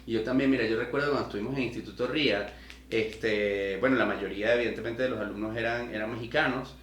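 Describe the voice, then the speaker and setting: A man's voice: on the low side, fairly even intonation, quick pace, a bit bright, a little hiss or hum. Venezuelan man hosting, in an echoey room. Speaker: podcast host. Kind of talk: casual interview conversation.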